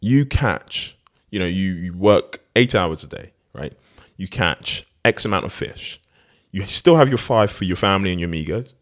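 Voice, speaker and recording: A man voicing an eager rich businessman who is pitching a plan with persuasive enthusiasm. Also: animated, normal speed, hardly any pauses.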